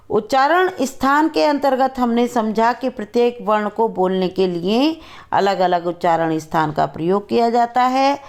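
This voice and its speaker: Slow, lively Hindi teacher woman. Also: a little high. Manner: slow, careful pronunciation drills, words repeated. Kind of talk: classroom grammar lesson.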